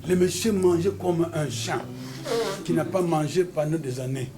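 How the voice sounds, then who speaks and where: Un pasteur originaire du Congo, avec un congolais, prêche avec emphase dans une salle d'église et lance des alléluias à l'assemblée. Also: male voice, fairly high pitch, moderate pace. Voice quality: emphatic, repeats hallelujah to the congregation. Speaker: pastor. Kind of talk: sermon with call-and-response. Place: church hall. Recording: noisy church hall recording.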